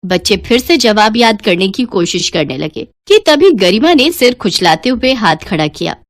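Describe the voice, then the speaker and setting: A woman narrates a scripted cartoon story with expressive storytelling flair. Her voice is medium-pitched at a moderate pace, recorded dry with clean studio sound.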